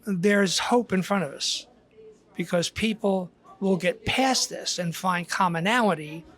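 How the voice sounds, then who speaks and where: A man's voice: high-pitched, a bit bright. An older man, a guest author, telling reflective stories in a casual podcast conversation, with frequent restarts.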